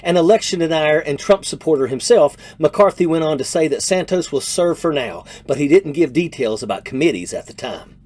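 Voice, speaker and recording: A man's voice: fairly high pitch, lively intonation, a little fast, a little mellow. An American man in his fifties delivering scripted political commentary in a blunt, scornful manner. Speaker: political commentator, retired army major.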